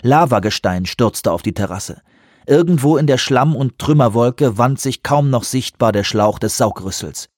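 A man narrating an audiobook in a measured, even way. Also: mid-range voice, no room sound, clean studio sound. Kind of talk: scripted narration.

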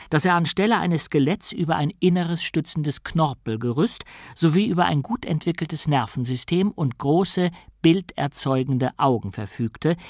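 A man reading an audiobook as narrator, in a calm, measured way. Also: mid-range voice, dry recording, studio quality. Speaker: audiobook reader. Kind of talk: scripted narration.

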